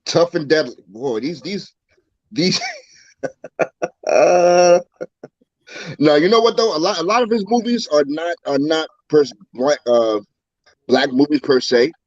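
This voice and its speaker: A man's voice: a little high, a little slow, long pauses, no echo, muffled recording. A man co-hosting a casual podcast, teasing in a playfully mock-formal way. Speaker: podcast co-host. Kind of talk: casual chat.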